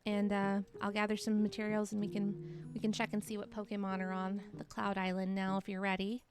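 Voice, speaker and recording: A woman's voice: mid-range voice, completely flat delivery, brisk, over music. A woman in her late thirties, chatting casually on a live stream and encouraging her chat while reading their messages aloud. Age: 30s.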